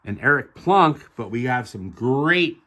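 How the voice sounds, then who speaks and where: Bright-voiced enthusiastic middle-aged man. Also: mid-range voice, animated, measured pace. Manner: upbeat and enthusiastic, chatty asides. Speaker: card collector vlogger. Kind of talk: casual show-and-tell narration.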